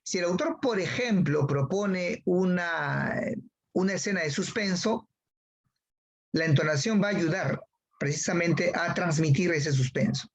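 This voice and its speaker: A man's voice: high-pitched, measured pace. A man teaching a class, who repeats key phrases and calls on students by name. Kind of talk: online class lecture.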